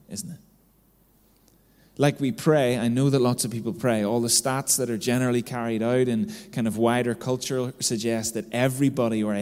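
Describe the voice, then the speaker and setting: A man in his thirties, a pastor, tells stories through a conversational sermon and keeps ending sentences with "right?". He has a mid-range, darkish voice. The recording has the long reverb of a hall.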